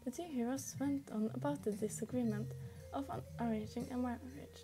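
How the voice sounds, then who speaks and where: A woman's voice: a little high, fairly even intonation, normal speed, music in the background. A woman casually reading a fan story aloud, chatty, with frequent slips and restarts. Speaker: fan fiction reader.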